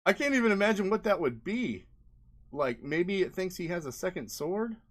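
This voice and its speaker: An indie developer presents a video with casual, unscripted commentary, rambling and an exasperated edge, often tacking on "like" and "right?". His voice is high and very animated at a normal speed.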